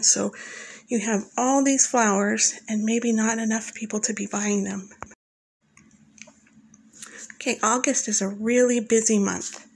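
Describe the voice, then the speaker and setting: Calm woman narrating a month-by-month guide. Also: fairly high pitch, low-quality recording. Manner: calm, instructive, talks directly to the listener. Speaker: flower farmer and channel host. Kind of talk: scripted voice-over narration.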